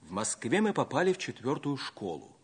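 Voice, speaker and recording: Earnest romantic youth, husky old radio drama. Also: male voice, mid-range voice, a little fast, exaggerated voice. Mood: narrating, earnest. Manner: theatrical, declamatory, expressive. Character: Sanya, earnest, romantic young man telling his life story.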